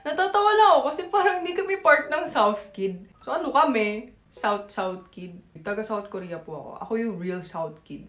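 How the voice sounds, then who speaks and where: A woman's voice: on the high side, animated, normal speed, hardly any pauses, a bit bright, reverberant. A young woman from Batangas chatting casually to camera in a playful, teasing way. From Batangas, Philippines. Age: young adult. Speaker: vlogger.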